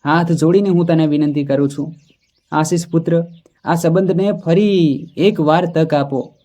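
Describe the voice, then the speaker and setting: A man's voice: fairly high pitch, fairly even intonation, a little slow, warm tone, close to an everyday voice. A man voicing a weary older father who speaks humbly and pleadingly.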